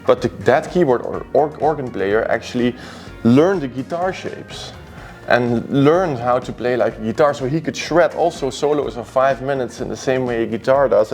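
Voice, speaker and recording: A musician chatting about favorite records in a record store, with a thoughtful, rambling way of talking. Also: male voice, mid-range voice, normal speed, creaky, a little mellow, faint music behind. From Belgium.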